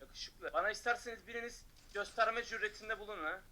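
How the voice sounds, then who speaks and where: A man streaming a shooter game, taunting opponents with loud mocking shouts and quick low asides to his chat. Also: slight background noise. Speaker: gaming streamer. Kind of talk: excited gameplay commentary.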